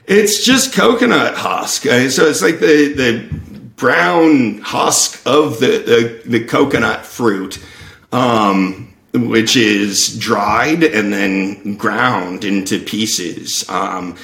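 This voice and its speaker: Man, low and gravelly, talking through ideas at length; roomy echo on the mic. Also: extremely slow, a bit bright. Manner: thoughtful, explains at length. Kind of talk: casual conversational explaining. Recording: echoey room.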